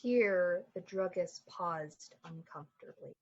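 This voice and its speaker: Slow and fairly low-pitched, a woman narrates a suspenseful summer-night story as though in a 1940s radio play. Her telling carries measured suspense. The recording is slightly muffled, and music plays beneath it.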